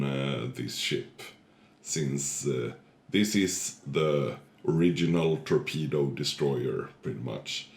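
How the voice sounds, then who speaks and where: A man with a muffled voice, congested from a cold, giving halting gameplay tutorial commentary as host of a gaming channel. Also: very deep voice, darkish tone, reverberant.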